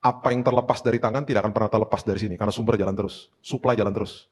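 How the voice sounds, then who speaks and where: A man's voice: lowish voice, rapid-fire. A middle-aged man preaching a sermon as a pastor, telling stories with humorous asides. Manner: animated storytelling with humorous asides.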